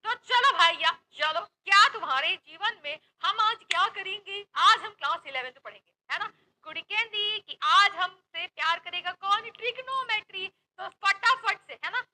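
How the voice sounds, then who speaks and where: A young woman from Uttar Pradesh, India, teaches a lively online maths class mixing Hindi and English, speaking with an Uttar Pradesh Hindi accent. Her very high voice is pushed and bright at normal speed, and she's chatty, playful and teasing. The recording quality is low.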